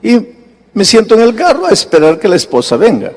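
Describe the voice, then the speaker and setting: Guy preaching a sermon, kinda high voice, tells stories and does the voices, big echoey hall. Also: huge pitch swings, a little fast, darkish tone. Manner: storytelling preacher, acting out dialogue with sudden high-pitched bursts. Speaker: pastor. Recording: long hall reverb.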